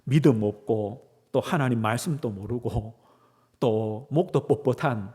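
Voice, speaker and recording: A male pastor preaching a sermon in a church with passion, moving between loud pleading prayer and hushed whispers. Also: medium pitch, a little slow, husky, long reverb tail. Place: church sanctuary.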